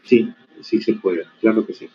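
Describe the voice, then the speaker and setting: The lecturer is a stern man whose voice sits on the low side, teaching medical students at a measured pace in an online university session. His corrections to the class are firm and direct, while the video call audio sounds dull and lo-fi with faint noise.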